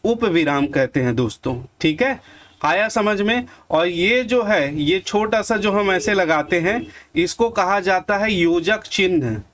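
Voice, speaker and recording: A man's voice: high voice, expressive, measured pace, a bit bright, slight background noise. A man with a Chhattisgarhi accent teaching an exam-prep lesson, calling viewers friends and answering his own questions. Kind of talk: online lesson with examples.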